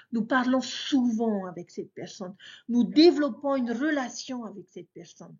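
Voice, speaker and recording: A woman's voice: on the high side, a little mellow, slightly rough, dull audio. A woman teaching a devotional scripture lesson in an earnest voice, speaking to listeners as brothers and sisters.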